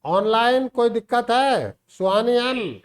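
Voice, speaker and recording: A man's voice: very high voice, animated, slow pace, clean tone. A man teaching a math class, coaxing and teasing students by name to check they understand. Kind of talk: classroom teaching, mixing Hindi and English. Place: classroom with online students joining.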